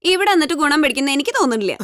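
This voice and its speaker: An actress playing a sharp-tongued female lawyer in a comedy film, sarcastic and dismissive, with a Thrissur Malayalam accent. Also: sits high, big pitch swings, very fast, no room sound, studio quality. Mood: dismissive, sceptical. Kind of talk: naturalistic film comedy acting.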